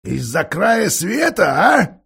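Man voicing a cranky half-deaf old dwarf, querulous, grumbling, raised pitch, storybook reading. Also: very animated, very slow, gravelly, fairly bright tone, slightly rough, shouting, exaggerated voice. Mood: grumpy. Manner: grumbling, querulous, mishears words.

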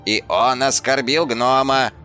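A man's voice: fairly even intonation, slow, pushed and bright, soft background music. A man voicing an indignant, quarrelsome male dwarf who complains and pushes. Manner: shrill, complaining, pushy.

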